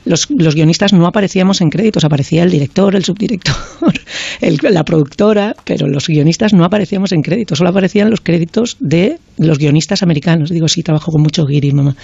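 A man talking as a panelist in a casual radio discussion, halting and repeating words as he searches for his phrasing. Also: sits high, vocal fry, a little mellow, slightly rough, no echo, lo-fi sound. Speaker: screenwriter, panelist.

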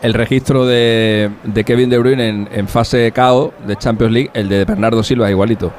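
A man's voice: mid-range voice, fairly even intonation, normal speed, a little mellow, a little hiss or hum. A man chatting as a football pundit during a live match. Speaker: football commentator.

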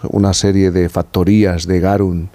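Male host, lowish mellow voice, guiding questions. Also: little pitch movement, moderate pace, no room sound. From Cádiz, Spain. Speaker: radio host. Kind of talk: radio interview.

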